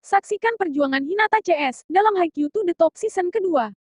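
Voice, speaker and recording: A woman's voice: very high voice, animated, a little fast. A woman hosting an anime recommendation list, reading scripted narration to fellow fans. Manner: addresses fans as an anime presenter.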